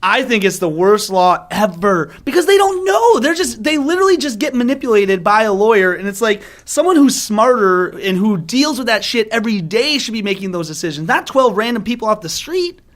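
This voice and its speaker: Dude on a podcast, really high lively voice, rants and swears a lot. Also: male voice, a little fast, few pauses. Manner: animated, ranting, swears casually. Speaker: podcast co-host. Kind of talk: casual chat recapping a film.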